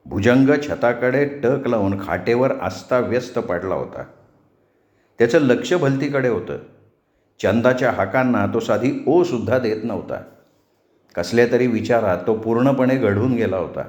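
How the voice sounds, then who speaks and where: A man narrating a novel as a storyteller, with a measured, expressive reading. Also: medium pitch. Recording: roomy echo.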